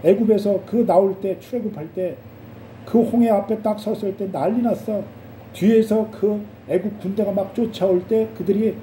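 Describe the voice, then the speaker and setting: A man's voice: high voice, warm tone, reverberant, recorded from a distance, slight background noise, low-quality recording. A male pastor preaching a sermon in a church, talking casually with rhetorical questions and acted-out quotes.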